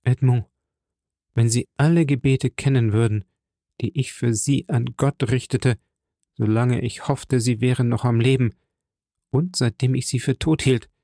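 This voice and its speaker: A man's voice: steady tone, a little slow, dark tone, no echo, clean studio sound, lightly acted. A man reading an audiobook, voicing a grieving noblewoman who pleads for her son, in a raised, strained voice. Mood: pleading. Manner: pleading, impassioned, high strained voice.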